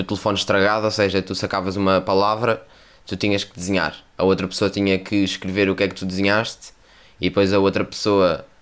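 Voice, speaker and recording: A man's voice: sits low, clean tone. A young man with a European Portuguese accent, hosting a solo podcast in a casual, rambling way, full of slang and swearing. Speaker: podcast host.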